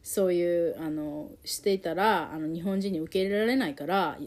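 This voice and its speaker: A woman telling her own story in a candid, emotional and reflective way, with many pauses and fillers. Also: fairly low pitch, darkish tone, slight background noise.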